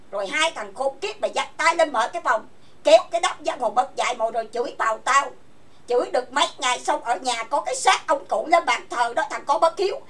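A woman hosts an online voice chat and scolds in a furious, cursing rant. Her voice sits high and sharp in pitch. She sounds set back from the microphone, as if speaking across the room to her computer. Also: recorded from a distance. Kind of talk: angry rant. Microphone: computer voice chat mic.

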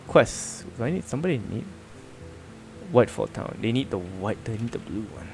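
A male streamer talking casually while he plays, rambling and restarting his sentences as he goes and laughing often. His voice sits in a middle pitch, with faint game music under him. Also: very animated, moderate pace, darkish tone. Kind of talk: casual let's-play chat.

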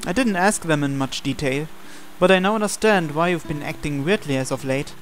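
This is a young man acting as host, reading aloud the narration and dialogue of a visual novel. He speaks a little fast in a slightly high voice, over the game's background music.

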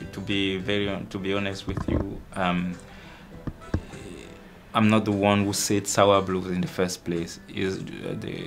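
Deep gravelly man with halting speech. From Cameroon. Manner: halting, many fillers and restarts. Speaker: musician guest. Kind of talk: casual interview answers.

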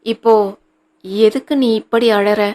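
A woman's voice: a little high, fairly even intonation, takes it slowly, dark tone. A woman voicing a hurt young husband who questions his wife in a pained, reproachful way in an audiobook reading. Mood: troubled.

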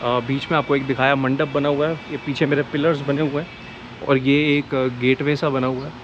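A travel vlogger in his forties walks through outdoor ruins, holding the camera at arm's length and talking at a normal pace in a mid-range, level voice. He chats in Hindi, mixing in English words and saying "yaar" often. The audio has background noise and the highs are cut off.

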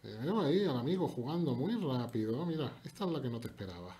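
A man commentates his own live chess game, his slightly husky voice swinging widely in pitch as he jokes. He teases his opponent and chats to his viewers in a playful, animated way. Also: fast talker. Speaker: chess streamer. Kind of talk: live commentary while playing online chess.

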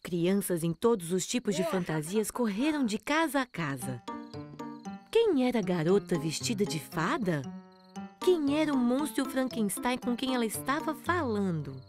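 Lively woman narrating a children's story. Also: a little high, moderate pace, music in the background.

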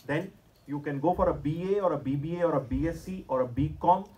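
Higher-pitched Indian man giving a lecture. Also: brisk, warm tone, low-quality recording. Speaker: presenter at a school career seminar. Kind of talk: lecture to students with slides. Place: school hall stage, indoors at a podium.

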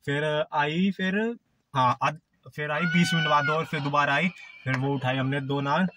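A man in his twenties, his voice on the high side with fairly even intonation and a measured pace, chats casually with viewers in a vlog while joking with a friend. He holds his phone at arm's length, first outside a concert hall and then inside a car, with noisy sound around him.

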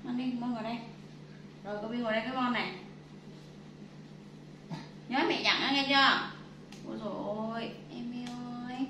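A woman's voice: on the high side, fairly even intonation, fairly quick, pauses often, noisy background. A woman at home fondly scolding and cooing to her pet animals, repeating herself often. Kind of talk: affectionate talk to pets. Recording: echoey room heard from a distance.

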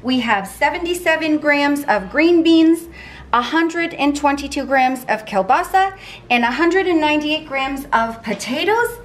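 A woman's voice: sits high, expressive, measured pace. A woman talking through her weekly meal prep in a home kitchen, bubbly and playful with cutesy pet words. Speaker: weight-loss vlogger. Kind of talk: casual cooking and meal-prep talk.

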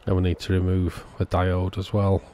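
A man with a deep, warm, monotone voice explains a repair one step at a time at normal speed. He hosts a radio repair channel, and his informal voice-over is matter-of-fact and sounds scripted.

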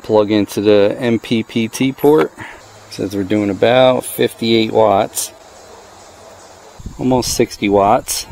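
In a low-quality recording, a middle-aged man with a lowish, slightly mellow voice reviews gear hands-on out in a driveway. As a product reviewer, he keeps it casual, thinking aloud and making dry jokes on a body-worn action camera.

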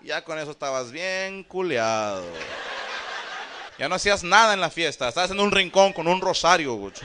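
A man with a Mexican accent doing a stand-up comedy routine, telling crude, profane stories at a rapid clip. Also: a little high, lively intonation, big-room sound, noisy background.

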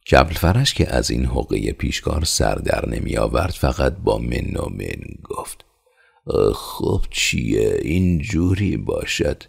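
Male audiobook narrator, gravelly, husky, steady, measured. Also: a bass voice. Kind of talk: scripted novel narration.

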